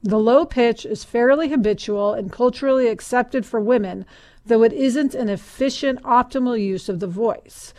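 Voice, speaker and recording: An American woman co-hosting a casual podcast, with a slightly hoarse voice, gravelly vocal fry and a self-deprecating manner. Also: fairly high pitch, moderate pace, darkish tone. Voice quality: somewhat hoarse. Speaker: podcast co-host.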